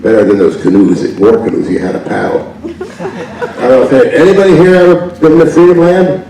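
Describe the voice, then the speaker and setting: A man's voice: on the high side, very animated, normal speed, vocal fry, crowd noise. Older man telling stories in a hall. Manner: rambling storyteller, chuckles often. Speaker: park veteran telling stories. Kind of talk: casual anecdote to an audience. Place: large indoor presentation hall. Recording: echoey hall, from far off.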